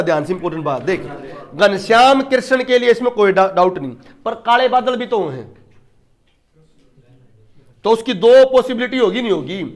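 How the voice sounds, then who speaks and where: Male tutor, high-pitched, emphatic lecture style with rhetorical questions. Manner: emphatic, asks questions and answers them himself. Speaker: teacher. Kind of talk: exam-prep lecture.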